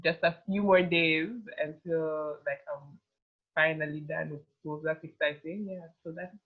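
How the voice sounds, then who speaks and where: A Ugandan fashion model in her twenties rambles as a guest in a casual interview, leaning heavily on "like." Her voice is low and fairly even, and she takes her time. The call audio sounds tinny, like a phone.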